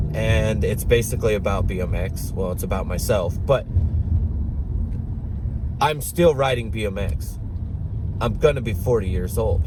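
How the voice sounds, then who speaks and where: Slow-talking man in his thirties rambling. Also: medium pitch, background noise. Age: 30s. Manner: slow, rambling, with frequent swearing and throat-clearing. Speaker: vlogger. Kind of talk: casual ranting monologue.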